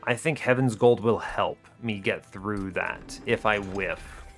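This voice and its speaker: This gaming video host has a lowish, somewhat bright voice and takes things slowly. With music playing behind him, he casually comments on a strategy game, reasoning out loud and questioning his own decisions.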